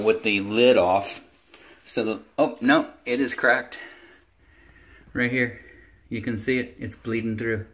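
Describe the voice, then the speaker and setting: A man's voice: fairly low pitch, a little hiss or hum. A middle-aged man working as a plumber, casually explaining a job step by step with plenty of fillers, recorded on a handheld phone in a bathroom. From California. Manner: practical, explanatory, many fillers. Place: indoor bathroom.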